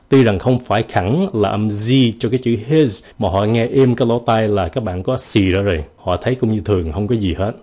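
A man giving a casual, joking pronunciation lesson, slowing down to stretch out the example words. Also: on the low side, mellow. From United States. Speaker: English pronunciation teacher.

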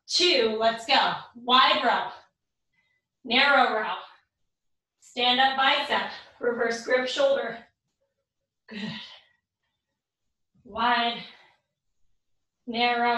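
Fitness coach, woman, slightly high voice, breathless cueing, distant echoey room mic. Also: slow, pauses often, sharp tone. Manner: cueing reps and counting down, upbeat. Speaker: fitness instructor. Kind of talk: live workout instruction. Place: home workout room. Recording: roomy echo from far off the mic.

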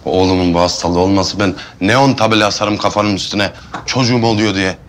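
A man's voice: sits low, steady tone, fairly quick, faint music behind, lightly acted. An actor playing a doting, teasing husband and father with a playful way of talking. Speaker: husband and teacher. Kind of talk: TV drama acting.

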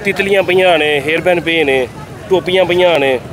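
In a low-quality recording, a vlogger with a Lahori Punjabi accent walks through a crowded outdoor bazaar, addressing his viewers directly with chatty enthusiasm. His pitch is fairly high and his speed normal, while the market crowd bustles in the background.

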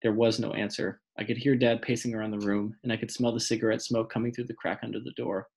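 A man narrating an audiobook in a measured, plain reading. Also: on the low side, flat delivery, creaky, darkish tone, slightly rough.

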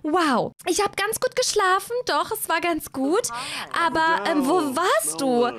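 A woman's voice: very high voice, animated, a little slow, fairly bright tone, pitched above the performer's own voice, heavily acted. A woman voicing a vain, flirty glamorous actress from a life-simulation game, coquettish and self-admiring. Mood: flirty gushing.

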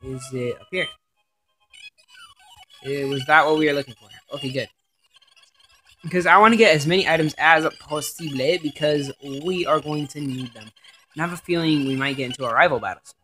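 A man doing let's play commentary on a game, excitable and rambling, swearing often. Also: a little high, brisk, pauses often, soft background music. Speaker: gaming commentator.

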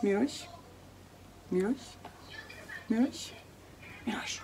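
A woman's voice: fairly high pitch, takes it slowly, background noise. A woman vlogging at home as a mother, cooing and baby-talking to her infant and chatting to viewers. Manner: coos and baby-talks to her infant daughter. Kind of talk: casual home vlog.

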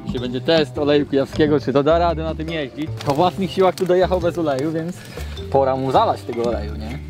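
Young man, offhand practical tone, slightly high voice, loud music behind. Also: quick pace. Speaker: vlogger tinkering with a scooter. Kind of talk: casual chat. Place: outdoors in a grassy field. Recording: outdoor camera audio with music.

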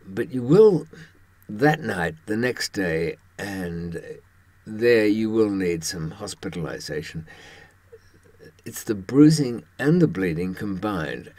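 An older man with a low, husky, animated voice talks to camera as a presenter drawing on his own experience. His conversational monologue is wry and halting, broken by pauses for thought. The recording is dry.

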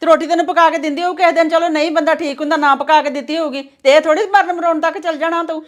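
A woman's voice: very high-pitched, steady tone, racing. An actress playing a protective middle-aged mother who scolds her son-in-law sharply. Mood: scolding.

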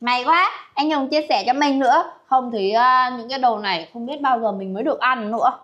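A woman's voice: high voice, brisk, a bit bright, highs cut off. A woman playing a meek, eager younger sister in a comedy family skit, polite and timid.

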